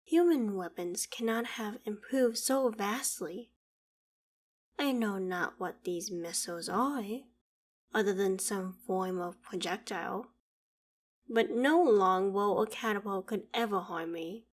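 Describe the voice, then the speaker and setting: A woman speaks slowly in a mid-range voice as a haughty ancient dragon, proud and dismissive, in a scripted audio roleplay monologue. Her archaic, formal speech is theatrical in manner, but beneath it she still holds a fondness for humans.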